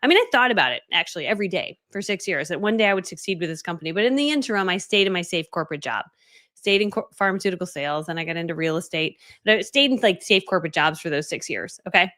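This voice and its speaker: A woman in her forties from Connecticut, a business coach telling her story on a casual live stream, chatty and animated. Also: on the low side, fast talker. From Connecticut, USA. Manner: chatty, animated, quoting herself, many "like" fillers.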